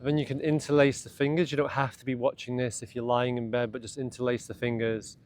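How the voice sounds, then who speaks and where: Gentle and unhurried, a man at a medium pitch talks through a morning meditation and self-massage in short, soothing phrases. A clear, steady ambient noise runs in the background.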